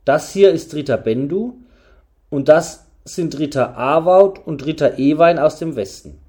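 A calm, commanding knight, read by a man in an audiobook, speaking with steady patience. The voice sits slightly high and keeps a measured, authoritative pace. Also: slightly rough. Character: famous older knight, patient and calm leader. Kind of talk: audiobook reading.

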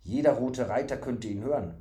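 A man's voice: medium pitch, moderate pace, warm tone, breathy edge. A man reading a story aloud, breaking off for casual, rambling explanations with fillers. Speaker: audiobook reader.

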